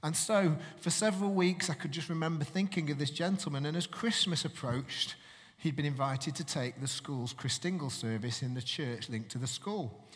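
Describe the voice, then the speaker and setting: A man's voice: fairly high pitch, normal speed, a bit bright, big-room sound. A man from Manchester, giving a sermon in a chatty way and putting questions to the congregation. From Manchester, England. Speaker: preacher.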